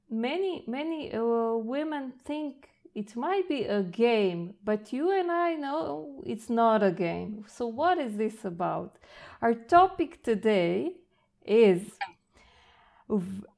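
Slow-talking woman host from Croatia. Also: a little high, lively intonation, creaky. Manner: hesitant, gushing, many fillers. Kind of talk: interview.

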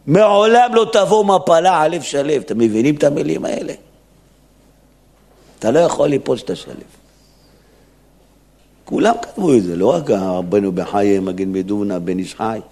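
A man's voice: medium pitch, expressive, long pauses, darkish tone. A man, a rabbi, giving an emphatic Torah sermon in a synagogue, acting out the quotes as he preaches. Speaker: rabbi giving a weekly lesson.

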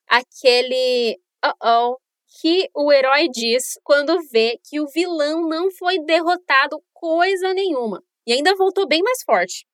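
A woman hosting a bilingual English lesson podcast, speaking clearly and modeling phrases for listeners to repeat. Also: high voice, dry recording, clean studio sound. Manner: clear, upbeat teacher modeling phrases for repetition. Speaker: English teacher, podcast host. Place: lives in New Zealand.

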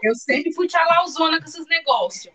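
High, animated São woman. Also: normal speed. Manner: animated storyteller, acts out her own past lines. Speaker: guest giving testimony. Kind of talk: casual chat, faith testimony.

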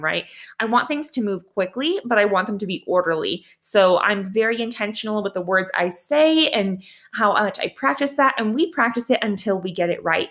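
A woman's voice: mid-range voice, a bit bright. A young woman teacher talks through her classroom routines in an easy, practical way. She sounds friendly and down to earth, with a mid-range voice, and now and then gives a small laugh at her own slips. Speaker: teacher sharing classroom tips. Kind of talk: casual instructional talk.

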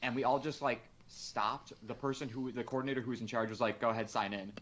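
A man in a middle-pitched voice, chatting casually as a podcast co-host. He tells stories with lively, acted-out quotes and swears freely. A faint hiss sits under the recording. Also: fast talker. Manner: animated storyteller who swears freely and acts out quotes. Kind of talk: casual chat, telling a work story.

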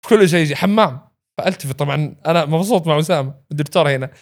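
A man, a podcast guest who tells animated stories, acts out quotes and laughs often. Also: on the high side, very fast. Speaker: podcast guest, actor and writer. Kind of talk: casual storytelling chat.

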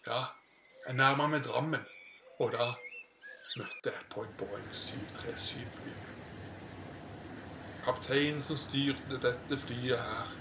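A man's voice: mid-range voice, background noise. A man telling a playful made-up story, rambling and correcting himself. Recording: roomy echo.

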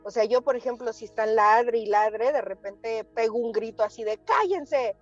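A woman, a therapist guest chatting on a talk show and telling lively anecdotes that she acts out. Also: a little high, moderate pace, highs cut off, soft background music. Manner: animated storyteller, acts out quotes. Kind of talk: casual talk show chat.

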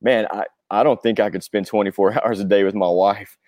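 A man's voice: on the low side, fairly even intonation, a little fast, a little mellow, no room sound. A man in his forties talking casually as a guest, earnest and reflective, rambling through personal thoughts. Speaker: interview guest, touring rock drummer. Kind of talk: casual chat.

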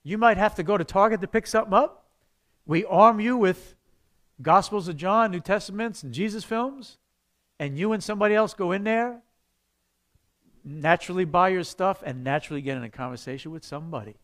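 A man with a high voice and a fairly quick pace leads an evangelism class for his church. His style is conversational, punctuated by sudden bursts of loudness.

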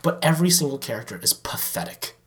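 A man's voice: a little high, expressive, fast talker. A young man, a little tipsy, co-hosting a casual podcast chat, ranting with swearing and laughter. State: a bit tipsy. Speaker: podcast co-host.

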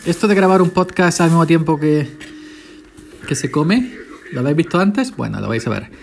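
Middle-aged Spaniard, farm laborer hosting a loose chatty podcast, a touch high in pitch. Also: male voice, lively intonation, moderate pace, gravelly, a little hiss or hum. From Spain. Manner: chatty, eats while talking. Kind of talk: casual rambling podcast monologue.

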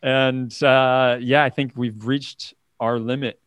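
A man hosting a casual tech interview, upbeat and quick to laugh as he sums up and closes the show. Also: medium pitch, level tone, a bit bright, no room sound. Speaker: host.

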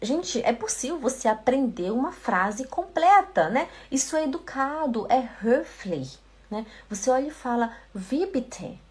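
Woman, German teacher, husky and slightly high, emphatic and caring. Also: expressive, moderate pace. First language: Portuguese. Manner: emphatic, scolding yet caring. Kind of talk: casual video lesson.

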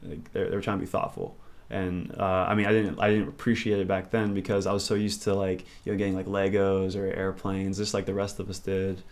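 Speaking fairly quickly in a low, level and slightly mellow voice, this male interview guest thinks aloud in a rambling, reflective way. The conversation is casual.

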